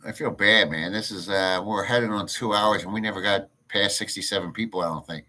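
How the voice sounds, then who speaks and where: A livestream host at home in a rural province rants in a crude, blunt, rambling way and answers his chat. His voice is brisk, somewhat low, and sharp in tone.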